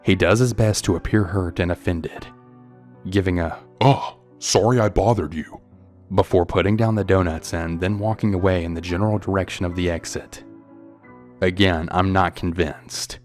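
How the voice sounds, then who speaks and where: A man narrating a scripted first-person horror story in a tense, steady manner. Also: low-pitched, moderate pace, faint music behind.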